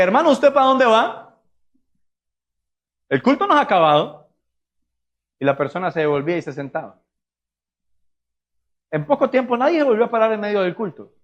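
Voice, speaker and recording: A pastor preaching in a church with a high, ringing voice. He is emphatic and lively, often slipping into mimicry of the excuses people give. It is a man's sermon, delivered in earnest. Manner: emphatic, acts out congregants' excuses in funny voices. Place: church sanctuary.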